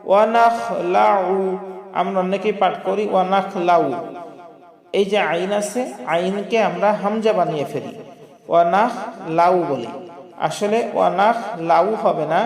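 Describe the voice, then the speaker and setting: A man with a high voice leads a word-by-word recitation lesson, chanting each phrase slowly and then explaining it quickly and patiently. The recording is roomy, with a long reverb trailing behind every line. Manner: patient, corrects common mistakes. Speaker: Quran recitation teacher. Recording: echoey room with long reverb.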